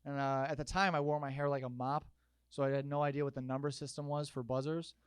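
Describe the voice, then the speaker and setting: Animated stand-up comedian, man. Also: mid-range voice, quick pace, clean tone, no echo, studio quality. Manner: animated storytelling, jumping to loud shouted bits. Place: comedy stage with audience.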